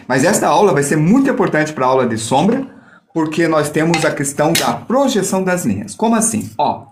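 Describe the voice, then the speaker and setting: A man whose voice sits on the high side, with a bit of background noise, hosts a live online art lesson about reflections. He shows the technique with a mirror step by step, joking around with his viewers the whole time.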